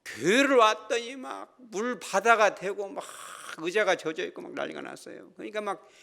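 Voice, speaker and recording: Man, pastor, middle-aged, sermon, animated, swooping pitch, quizzes congregation. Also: moderate pace, gravelly. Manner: animated storytelling, acts out quoted characters; asks the congregation questions.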